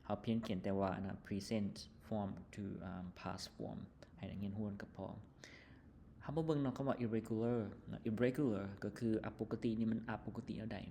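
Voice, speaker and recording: A male teacher with a Lao accent works through an English textbook lesson, reading the English words slowly and then explaining them quickly, filling his speech with fillers. His voice is on the low side, steady and warm with vocal fry, and a little hiss or hum sits underneath.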